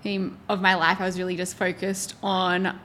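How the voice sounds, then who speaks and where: A woman's voice: fairly low pitch, flat delivery, normal speed, fairly bright tone, slight background noise. A woman hosting a relationship podcast, chatting in an upbeat, casual way. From Australia. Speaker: podcast host. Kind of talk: casual chat.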